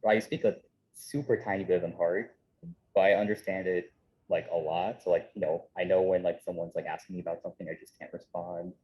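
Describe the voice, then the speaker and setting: Deep-voiced casual man from Chicago. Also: flat delivery, a little fast, darkish tone, poor audio. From Chicago, United States. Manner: casual, heavy use of "like". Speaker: interviewee. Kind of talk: documentary interview.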